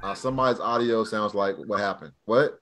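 A man's voice: lowish voice, brisk, fairly bright tone, a little hiss or hum. Casual man drilling a Hebrew class. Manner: casual, drilling students with questions. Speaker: Hebrew teacher. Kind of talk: live online class.

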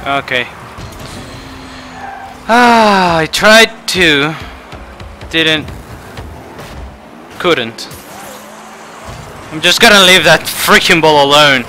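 A man giving frustrated gameplay commentary, swinging between muttering and shouting. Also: fairly high pitch, expressive, extremely slow, long pauses, soft background music, low-quality recording. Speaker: gaming channel host.

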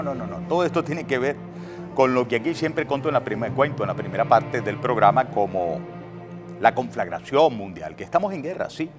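A man hosting a morning news talk show, commenting emphatically and stacking words for effect. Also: medium pitch. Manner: animated, emphatic, piles up words.

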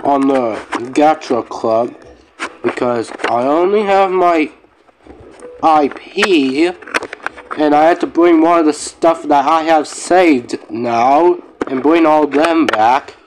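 A man making a casual vlog for his channel, talking in a halting, rambling way with frequent restarts and swearing. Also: a little high, noisy background. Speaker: YouTuber. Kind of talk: casual vlog rant to viewers.

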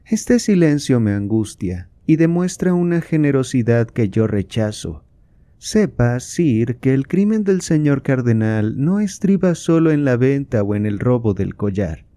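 A man's voice: mid-range voice, big pitch swings, measured pace, dark tone, no room sound, voice pushed up. A man reading aloud, voicing a proud and indignant queen with a raised, fervent, declamatory delivery.

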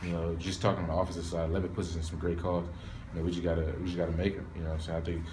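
A young man, a college football player, answering postgame questions in a low-key, candid way from a stadium hallway. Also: flat delivery, racing, noisy background. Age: young adult. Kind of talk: postgame press interview. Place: hallway of a stadium in front of a sponsor backdrop. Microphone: reporters' recorders held close.

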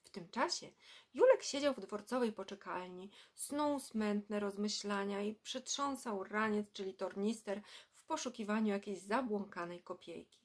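A woman with a middle-pitched voice reads a children's book aloud. Her storytelling is measured, and she drops her voice low and quiet for the dramatic moments.

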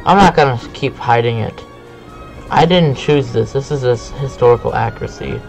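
A man giving casual, excitable gameplay commentary with a friend, bursting into yells and sing-song chants. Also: medium pitch, moderate pace, creaky, faint music behind, rough recording. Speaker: gaming video host.

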